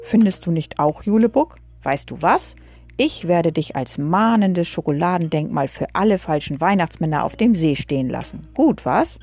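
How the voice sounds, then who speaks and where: A woman's voice: fairly low pitch, lively intonation, normal speed, a little mellow, faint music behind. A woman voicing a blustering, fat male Christmas villain who bellows and snarls, his voice cracking with rage, read from a storybook. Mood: gloating.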